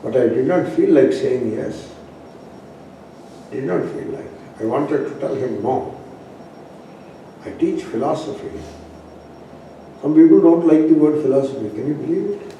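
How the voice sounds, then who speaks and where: An Indian-accented man teaches a philosophy class in a mellow, relaxed voice. He speaks with emphatic repetition and pauses. The recording is very echoey, picked up from a distance in a room. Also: medium pitch. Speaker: spiritual teacher. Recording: echoey room, distant mic, faint noise.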